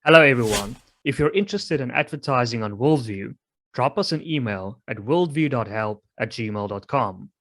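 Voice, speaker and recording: A man reading a scripted channel announcement in an upbeat, clear way. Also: medium pitch, lively intonation, moderate pace, a bit bright. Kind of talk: scripted advertisement read.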